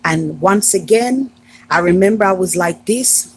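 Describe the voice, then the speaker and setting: A woman's voice: mid-range voice, a little slow, breathy edge, rough recording. An American woman vlogger frankly recounting her own experiences on a live stream, emphatic and repetitive, now and then slipping into the voices of people she quotes. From United States. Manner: frank, emphatic, repeats herself, slips into acted quotes. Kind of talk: candid personal storytelling on a live stream.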